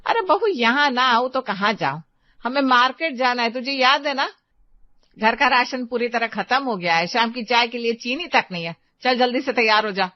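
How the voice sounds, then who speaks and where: A woman plays a grumbling older mother-in-law in an animated story, pitched up and shrill. Her complaints come out sharp and insistent. The sound is dry and a little dull. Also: normal speed, no room sound, close to an everyday voice. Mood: scolding. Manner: shrill calling, nagging scolds. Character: elderly scolding mother-in-law, complaining, stubborn.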